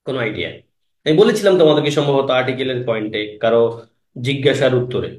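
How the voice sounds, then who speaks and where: A man, teaching English grammar in an exam-prep class. He fires quick questions at the students and repeats the key words. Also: medium pitch, lively intonation, roomy sound.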